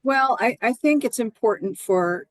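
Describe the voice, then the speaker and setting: A woman's voice: fairly high pitch, lively intonation, unhurried, no echo. A woman giving earnest, explanatory answers as a guest in a conversational interview. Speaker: podcast guest, hospice nurse and educator.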